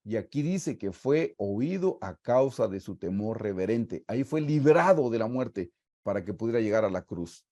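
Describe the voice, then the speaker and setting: A man teaches scripture over a video call in an emphatic preaching style. His pitch swings widely as he drives home each point, and his voice stays mellow. He keeps asking his listeners questions and repeating himself for weight. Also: lively intonation, normal speed. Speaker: Bible study teacher.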